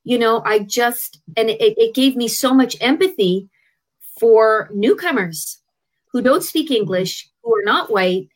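A fairly high-pitched woman speaks a little slowly with a Canadian accent. She is a middle-aged traditional healer, a guest candidly telling her life story in a conversational manner, with hesitant restarts.

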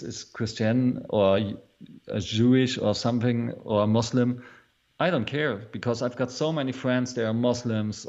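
A man's voice: mid-range voice, darkish tone. A man in his thirties with a German accent, a guest chatting casually in English as his second language, hesitant and repeating words with small chuckles. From East Germany. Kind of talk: casual conversation. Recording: dull lo-fi audio.

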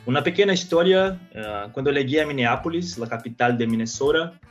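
Over soft background music, a medium-pitched, expressive male voice answers casual interview questions as a podcast guest. He's Brazilian, in his thirties, and a native Portuguese speaker using Spanish with a Brazilian Portuguese accent, often halting and restarting phrases.

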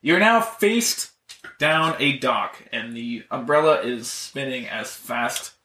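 A man's voice: mid-range voice, animated, takes it slowly, bright, forceful tone. A man narrating a tabletop game as game master, playful and coaxing. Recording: roomy, distant mic, faint noise.

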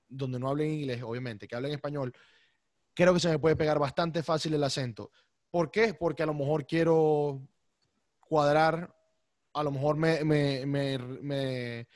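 A man's voice: a little high, dry recording, clean studio sound. Chatty Maracaibo Venezuelan man. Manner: lively, talks over his guest, uses voseo. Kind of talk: casual chat.

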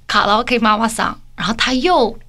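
A woman's voice: on the high side, moderate pace, sharp tone. A woman co-hosting a casual chat show, telling a story and acting out both sides of the dialogue, with English words mixed into her speech. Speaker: podcast co-host.

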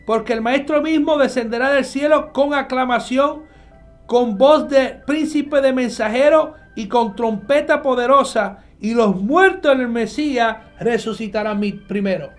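A man's voice: very high-pitched, a little slow, soft background music. A man preaching a nightly online Bible teaching, emphatic, asking questions and answering them himself. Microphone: live stream with viewers connected.

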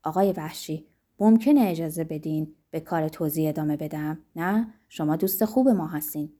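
A woman reading an audiobook, voicing a bossy male official who gives orders and then coaxes smoothly. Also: lowish voice, fairly even intonation, a little mellow, voice pushed down, lightly acted. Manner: commanding then coaxing.

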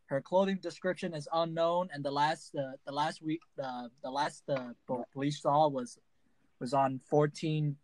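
A young man co-hosting a casual podcast, halting and full of ums. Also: fairly high pitch, no room sound. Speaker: podcast co-host.

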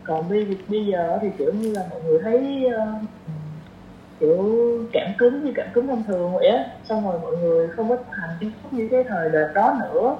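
A young doctor in her twenties with a southern Vietnamese accent chats casually as a podcast guest, hesitating and thinking aloud. Her medium-pitched voice is expressive and fairly quick. The recording has a roomy echo, a dull sound, and light noise.

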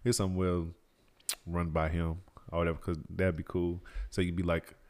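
A man's voice: sits low, little pitch movement, normal speed, a little mellow. A man co-hosting a podcast in casual chat, joking and laughing often. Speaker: podcast co-host.

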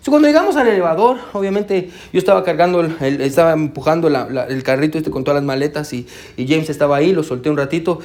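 High-voiced pastor man, animated storyteller. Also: fast, few pauses. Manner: animated storytelling, frequent "amén" and "hermano", mixes in English words. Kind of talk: sermon with personal anecdote. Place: church.

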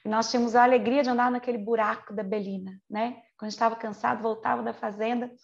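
In lo-fi sound, a woman in her 40s, a preacher with a Brazilian Portuguese accent, gives a chatty sermon. Her voice is on the high side with vocal fry and fairly even intonation. She draws out key words for emphasis between quick asides and uses rhetorical questions to check in with her audience.

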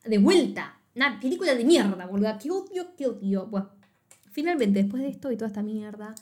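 A woman's voice: mid-range voice, animated, fairly quick, darkish tone. A young woman with a Rioplatense Spanish accent co-hosting a podcast, talking casually about a film, blunt and sarcastic, swearing freely. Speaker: podcast co-host reviewing a film. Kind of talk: casual chat.

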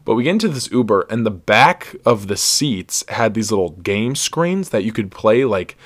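A young man from Ohio hosts a podcast and tells a story in a loose, chatty way. His voice sits a little low, and he laughs often and keeps saying "like" as he goes. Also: normal speed. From Ohio, USA. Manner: lively, laughs often, heavy use of "like". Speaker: podcast host. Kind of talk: casual storytelling.

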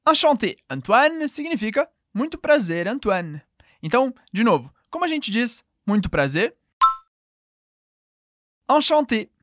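A woman's voice: a little high, very animated, normal speed, no room sound, clean studio sound. A woman with a Brazilian Portuguese accent teaching a call-and-response language lesson, patiently modelling phrases for the listener to repeat.

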